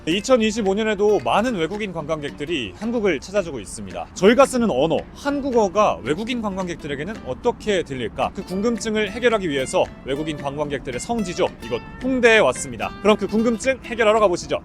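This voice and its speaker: A man's voice: high voice, very fast, hardly any pauses, faint music behind. A man hosting a street interview outdoors in a busy city. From Korea. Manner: lively, upbeat presenter delivery.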